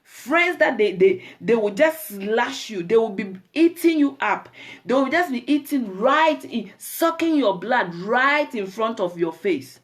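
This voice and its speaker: A woman's voice: on the high side, expressive, measured pace. A woman with a Ghanaian accent hosting a live talk show, chatting with viewers, greeting them by name and giving advice to women.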